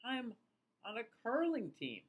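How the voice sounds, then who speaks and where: A determined young gnome girl from a storybook, as a man reads her out. She is plucky and emphatic, with a lively, swinging pitch and unhurried words. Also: breathy edge, full character voice. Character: spirited, determined young female gnome athlete.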